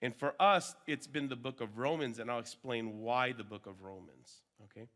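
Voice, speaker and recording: A man with a mid-range, slightly bright voice speaks at a normal pace while informally teaching a workshop group on Bible discipleship. He moves between English and Hmong mid-talk and keeps checking in with short tags like "okay" and "right."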